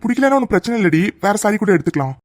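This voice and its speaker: A man voicing a fast, coaxing cartoon sweetheart. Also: sits high, sing-song, music in the background. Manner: coaxing, affectionate and teasing. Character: doting young man comforting his sweetheart. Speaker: male lead of a cartoon love story. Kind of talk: cartoon voice acting.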